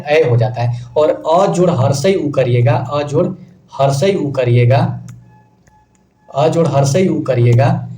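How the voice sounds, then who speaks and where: Male exam-prep teacher, mellow tone, recorded in an echoey room with faint noise behind. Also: a little high. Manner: repeats questions to the class, often asks "clear?". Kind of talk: exam-prep grammar lesson.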